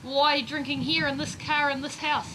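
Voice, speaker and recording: A New Zealand woman constable talks plainly on a callout. Her voice is high. The location sound has clear vehicle and outdoor noise. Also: little pitch movement, brisk. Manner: simple, repeated questions. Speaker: police constable. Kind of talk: on-the-job questioning and explaining.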